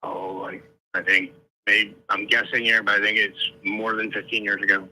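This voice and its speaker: A man's voice: on the low side, little pitch movement, moderate pace, bright, forceful tone, slight background noise. A man calling in over a phone line, speaking hesitantly and correcting himself. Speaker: caller. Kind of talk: call-in conversation.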